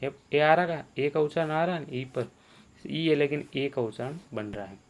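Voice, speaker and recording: A man's voice: fairly high pitch, normal speed. A man teaching the sounds of English letters, repeating each sound and quizzing the viewer. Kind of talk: spoken language lesson.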